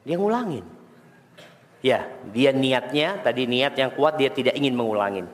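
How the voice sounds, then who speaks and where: A man preaching a sermon, animated and quizzing the congregation, recorded in a mosque hall. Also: medium pitch, moderate pace. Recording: echoey hall.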